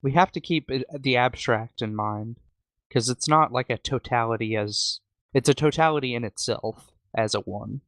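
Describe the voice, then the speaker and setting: A man's voice: medium pitch, normal speed, a bit bright, no echo, clean studio sound. A man talking casually in a discussion group, tentative, hedging and rephrasing as he goes. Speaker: reading group participant.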